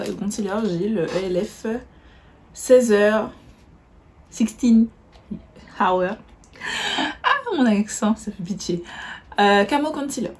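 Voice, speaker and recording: A woman talks through her makeup routine in a loose, chatty way, often stopping to correct a word. Her voice is mellow and relaxed. A faint hiss sits under the recording. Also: lowish voice. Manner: chatty, self-correcting, describes as she applies. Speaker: beauty vlogger. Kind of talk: casual makeup tutorial chat.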